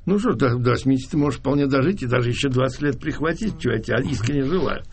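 Gravelly fast-talking male interviewer. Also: mid-range voice, lively intonation, slight background noise. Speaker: radio host. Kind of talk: casual interview.

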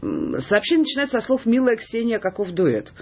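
A woman's voice: fairly high pitch, huge pitch swings, fairly quick, slightly rough. A woman hosting a live radio talk show who teases her guests in a playful way. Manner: teasing, playful. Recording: dull lo-fi radio broadcast.

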